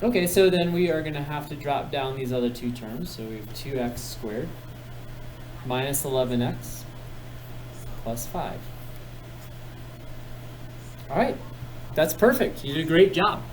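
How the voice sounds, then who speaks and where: A man's voice: on the high side, lively intonation, normal speed, slight background noise, low-quality recording. A man teaching algebra in a classroom, patiently guiding students step by step and praising their work. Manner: patient, encouraging, guides step by step. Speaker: math teacher. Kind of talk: classroom instruction.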